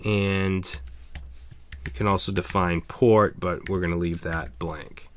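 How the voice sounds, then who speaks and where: Deep-voiced man teaching a coding screencast. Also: fairly even intonation, slow, fairly bright tone, a little hiss or hum. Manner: casual step-by-step explaining with frequent "okay" and "all right". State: slightly hoarse, losing his voice. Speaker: programming instructor.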